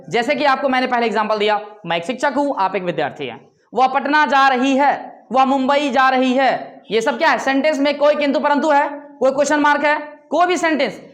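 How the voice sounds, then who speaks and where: Indian male English tutor, high-pitched, patient classroom lecture style, checks understanding often. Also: a bit bright. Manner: slow, spelled-out English, quick Hindi explanations, keeps checking understanding. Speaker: English teacher.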